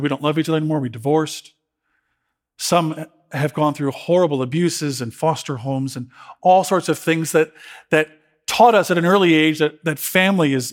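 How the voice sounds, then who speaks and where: A middle-aged male pastor delivers a sermon in an earnest, emotional way, stumbling and restarting as he goes. His voice sits a little high for a man.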